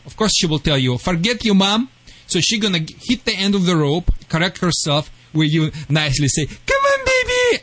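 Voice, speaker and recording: Playful Russian-accented man, fairly high voice. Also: dry recording. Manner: excitable, playful, joking, broken English. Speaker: radio pet-advice host and dog trainer. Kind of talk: call-in advice show.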